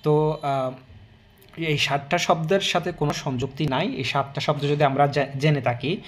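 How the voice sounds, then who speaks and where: A man's voice: a little high, fairly even intonation, moderate pace. Man teaching a language lesson. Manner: explanatory, repeats words, many fillers and restarts; checks in with "okay?" often.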